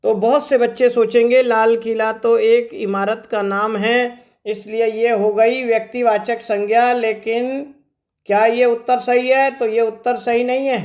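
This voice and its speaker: A man's voice: very high-pitched, little pitch movement, a little slow, darkish tone. A male teacher giving an exam-prep grammar lesson, explaining step by step and asking rhetorical questions. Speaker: Hindi teacher.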